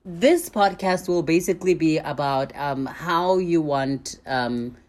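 A woman's voice: deep voice, slow pace, a little mellow. A woman hosting a podcast, asking questions in casual chat and laughing along. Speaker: podcast host.

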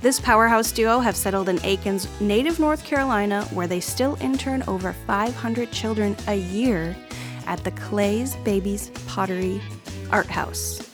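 A woman podcast host reading an absurd made-up biography in a straight, deadpan delivery. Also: medium pitch, a little slow, music in the background. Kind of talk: comic mock-biography reading.

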